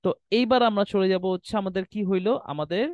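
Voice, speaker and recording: This web design instructor has a high, fast, slightly mellow voice with a clean tone, though the audio sounds dull and has no echo. He goes through website design settings on screen in a screen-recorded tutorial, using English terms and frequently asking "ঠিক আছে?".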